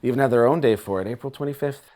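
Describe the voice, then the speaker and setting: An actor playing a reflective caller who speaks in a measured, solemn way. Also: male voice, medium pitch, a little mellow, lightly acted. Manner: measured, reflective, rising to indignation. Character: thoughtful grown man calling in, solemn about war history. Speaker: radio caller.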